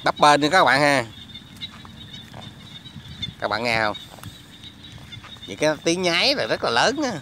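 A bright, crisp-voiced man talking casually to his viewers as he films outdoors on a phone. He keeps asking if they can hear and see things. Faint rain and frog croaks sit behind him. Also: on the high side, big pitch swings, measured pace, pauses often, slight background noise. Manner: chatty, addresses viewers constantly. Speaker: vlogger. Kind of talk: casual outdoor vlog commentary. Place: outdoors in rain at a quiet resettlement area. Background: rain and frogs croaking.

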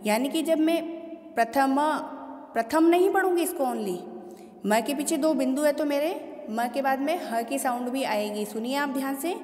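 A woman teacher with a high voice walks students through pronunciation, saying each word slowly and repeating it. She stops often to ask whether they follow. The sound rings around a hollow room with a long tail of reverb. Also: darkish tone. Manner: patient, repeats words slowly and asks students questions. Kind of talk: classroom lesson explaining Sanskrit pronunciation.

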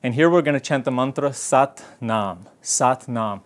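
Man, yoga teacher, encouraging, slightly breathless, mid-pitched voice, guiding a class. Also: a little slow. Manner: encouraging, coaching instructions. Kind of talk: guided kundalini yoga class.

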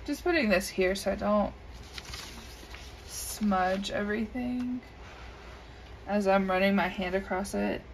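Recorded by an overhead camera above her desk, a coloring video creator chats casually indoors while coloring, in no hurry and with many ums. She has a scratchy, medium-pitched voice, a slow pace and long pauses.

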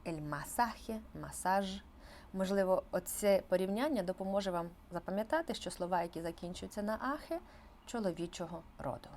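A woman teacher explaining grammar in an online language lesson, stressing key words with lively emphasis. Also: mid-range voice, fairly quick, a little hiss or hum. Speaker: Spanish teacher.

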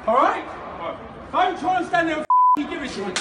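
A man's voice: very high voice, wildly swooping pitch, normal speed. A drunk man rants in public, belligerent, boastful, repetitive and foul-mouthed, recorded from a distance in a big station hall. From England. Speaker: rowdy drunk passenger. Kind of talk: aggressive public ranting. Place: large indoor railway station concourse. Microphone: bystander's phone at a distance. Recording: echoey crowded hall, distant noisy phone recording.

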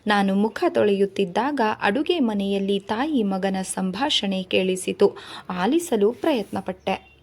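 Woman storyteller, novel reading, measured, expressive, middle pitch. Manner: measured, expressive first-person narration.

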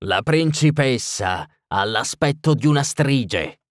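A man's voice: on the low side, animated, normal speed, dry recording, studio quality, lightly acted. A man doing a bellowing, foul-mouthed burgomaster. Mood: shouting. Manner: shouting, coarse, exasperated. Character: hot-tempered cursing middle-aged burgomaster.

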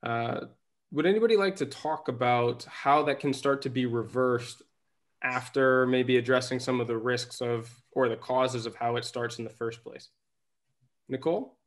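Male moderator, mid-pitched, measured, hands questions to the panel. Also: steady tone.

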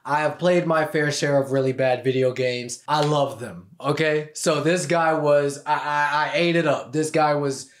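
A young man reviewing a movie in a loose, excited, slangy way, his voice sitting a little higher than most men's. He records at home in an echoey room, with his voice bouncing off the walls. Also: a little slow, hardly any pauses. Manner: enthusiastic, casual, swears, informal slang. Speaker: film reviewer host.

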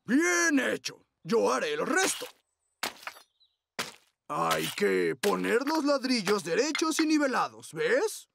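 A man voicing a hearty cartoon bull builder with a gravelly, raspy voice. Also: high voice, very animated, slow pace, background noise, heavily acted. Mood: patient, instructive.

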